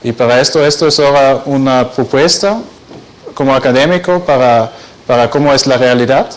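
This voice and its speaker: A male academic gives a conference presentation in a second language. His foreign accent is clear, and he speaks haltingly, feeling for the right word as he goes. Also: mid-range voice, rough recording. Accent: foreign, non-native Spanish. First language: not Spanish. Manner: halting, searching for words in learned Spanish.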